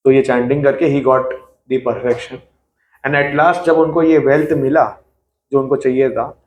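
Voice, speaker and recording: A man leads an interactive scripture class at a medium pitch. He is conversational, slips English phrases into his talk and keeps asking his listeners questions. The recording is echoey and roomy. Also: fairly even intonation, slow, lo-fi sound. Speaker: devotional class teacher. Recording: echoey room.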